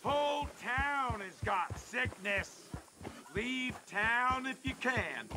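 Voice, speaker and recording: A man voicing an alarmed middle-aged town crier in a western video game, calling out urgent public warnings in long, loud cries. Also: very high voice, expressive, slow, background noise, exaggerated voice.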